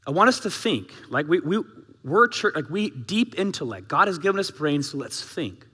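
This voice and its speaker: A male pastor with a high, bright voice preaches in a big church hall, and long reverb trails each phrase. He talks in a lively, conversational way, firing rhetorical questions at the congregation. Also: moderate pace, breathy edge. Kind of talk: sermon.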